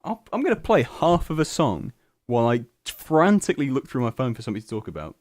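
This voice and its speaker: A young man presenting a student radio show, rambling and making fun of himself between songs. His voice sits at an ordinary middle pitch. It comes across close and dry through a studio mic. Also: very animated, brisk, a little mellow, no room sound. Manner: self-deprecating, scatterbrained, lots of restarts. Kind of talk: rambling solo radio chat. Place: small hot radio studio. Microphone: studio microphone.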